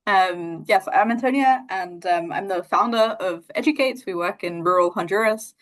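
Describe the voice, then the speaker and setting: A woman's voice: mid-range voice, moderate pace. A young woman from New Zealand with a New Zealand accent, founder of a charity, talking casually and thoughtfully in an interview, with many fillers and restarts. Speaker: NGO founder, interview guest.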